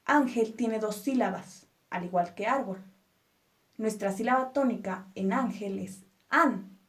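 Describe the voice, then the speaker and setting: Woman, teacher, unhurried and patient, slightly high voice, spells words out syllable by syllable. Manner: patient, stresses syllables one by one; reassuring rhetorical questions to viewers. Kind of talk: explanatory spoken lesson.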